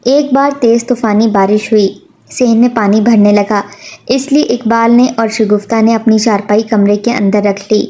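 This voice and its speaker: A woman narrating a sad family story in a steady, emotional storytelling manner. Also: on the high side.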